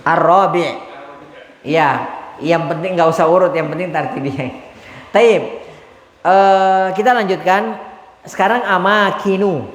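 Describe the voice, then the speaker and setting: Guy teaching arabic class, kinda high voice, lots of quick prompts n praise, big echoey mosque hall. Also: fairly even intonation. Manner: prompts students, corrects and praises briefly. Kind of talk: classroom lesson.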